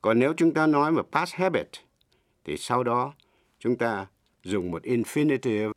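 Man, middle-aged, native Vietnamese speaker, language teacher, slow and patient, lively rise and fall, dry close sound. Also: medium pitch, no echo. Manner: slow, deliberate, spells words letter by letter and repeats examples. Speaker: English teacher. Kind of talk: bilingual English lesson for Vietnamese speakers.

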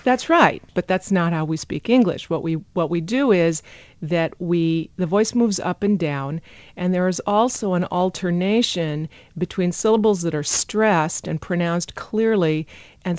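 A woman teaching English pronunciation on a radio show, her voice sitting slightly low. She breaks sentences apart and tapping out their rhythm with nonsense syllables. The sound is dry and close, with no room around it. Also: a little mellow, no room sound. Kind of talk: radio interview explanation.

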